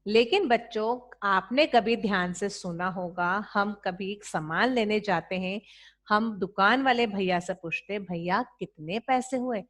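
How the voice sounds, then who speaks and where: An Indian woman teacher giving an online lesson to young children, speaking slowly and drawing out each number so they can repeat after her. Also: mid-range voice, a bit bright.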